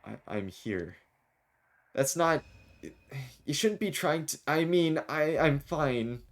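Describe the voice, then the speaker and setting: A man's voice: a little high, expressive, slow pace. A man streaming a video game, chatting jokily and reading the dialogue aloud. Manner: jokey, rambling, reads lines with small voices.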